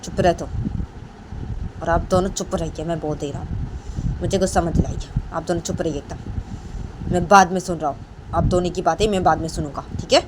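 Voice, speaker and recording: A woman voicing a middle-aged father who firmly orders his family to be quiet. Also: lowish voice, fairly even intonation, normal speed, pauses often, background noise, close to an everyday voice. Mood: stern. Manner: firm, commanding, repeats "theek hai". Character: stern middle-aged father defending daughter-in-law.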